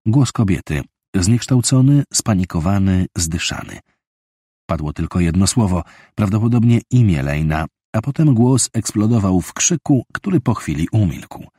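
A man narrating a thriller audiobook in a steady, measured storytelling voice. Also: deep voice, husky, dry recording, clean studio sound.

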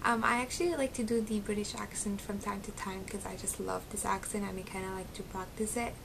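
This young adult Syrian beauty vlogger talks a little fast with vocal fry in a steady, medium-pitched voice, her slight Arabic accent audible. Sitting in her small bedroom facing a close webcam, she chats casually, giggles and fills pauses with ums, against a noisy background.

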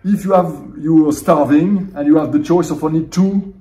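A man's voice: fairly high pitch, steady tone, normal speed, dark tone, far from the mic. A middle-aged man from France with a French accent, a theology professor answering interview questions thoughtfully, often restarting his phrases. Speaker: theology professor and seminary dean. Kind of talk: conference interview. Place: indoor conference room.

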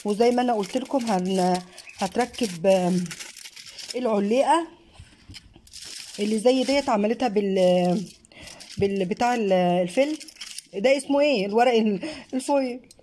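A woman with a mid-range voice and an Egyptian Arabic accent talks at a normal speed but pauses often, offering warm praise and encouragement with lots of fillers. She's a mother and craft channel host filming a casual vlog from behind a phone she holds at a living room table. There's slight background noise.

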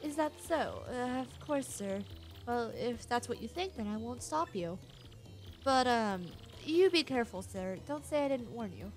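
A woman voicing a fussy, overly polite ship sailor in a hushed, deferential, formal way. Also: fairly high pitch, lively intonation, measured pace, faint music behind.

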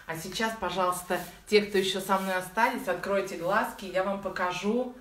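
A woman in her forties leads a beginners' practice in a chatty, informal way, sprinkling in affectionate diminutives. Her voice sits at a middling pitch. She is recorded at home some way from the mic, with noticeable room echo. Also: moderate pace, fairly bright tone. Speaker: breathing practice instructor. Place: living room at home, indoors. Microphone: phone or camera set a little way off. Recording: echoey room, distant mic, faint noise.

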